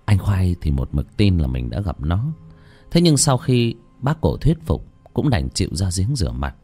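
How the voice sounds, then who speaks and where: A man's voice: sits low, sing-song, normal speed, warm tone. A man narrating a horror story in a dramatic, suspenseful way. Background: faint music.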